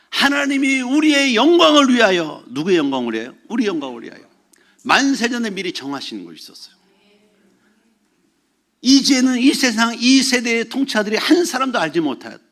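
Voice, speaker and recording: A man preaching a Sunday sermon as pastor, telling a story in an animated way and shouting exclamations from it. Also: high-pitched. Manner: animated storytelling, mixes formal and casual speech, shouts acted exclamations. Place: church sanctuary.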